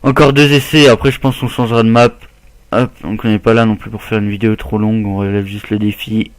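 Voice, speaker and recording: Low, flat-voiced man narrating gameplay. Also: a little fast, clean tone, dry recording. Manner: chatty, mutters to himself while playing. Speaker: gaming YouTuber. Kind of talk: casual gameplay commentary.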